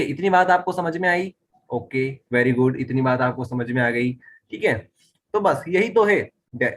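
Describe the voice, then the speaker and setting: A man's voice: a little high, slight background noise. Repetitive, checking-in male physics teacher. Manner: repeats key phrases, constantly checks understanding with "ठीक है". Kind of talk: explaining a lesson at a whiteboard.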